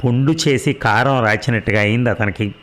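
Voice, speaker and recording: A man narrating a serial story in a steady, measured reading voice. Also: medium pitch.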